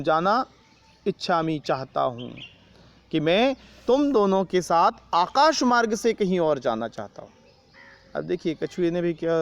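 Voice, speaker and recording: A fairly high-pitched Indian man with a Rajasthani Hindi accent teaches a Sanskrit lesson, explaining each word in Hindi. He is patient, repeats terms and asks the student questions as he goes.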